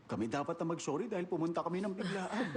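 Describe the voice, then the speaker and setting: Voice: medium pitch, fast talker, a little hiss or hum, close to an everyday voice. A dub actor voicing a flustered, apologetic middle-aged father who dotes on his daughter. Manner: fumbling, apologetic. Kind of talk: Tagalog dub of a drama.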